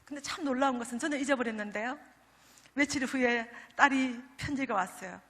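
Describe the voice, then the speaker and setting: A middle-aged woman, a pastor's wife, telling an animated church testimony and acting out quoted prayers, with English words mixed in. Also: high-pitched, fairly quick. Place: church sanctuary. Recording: church hall reverb.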